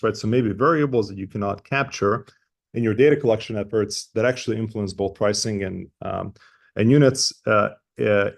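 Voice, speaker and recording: Male webinar presenter, Eastern European accent, lowish pitch, strong vocal fry, informal explanatory talk, hesitant delivery, frequent checking tags. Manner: hesitant, often checks with "right?".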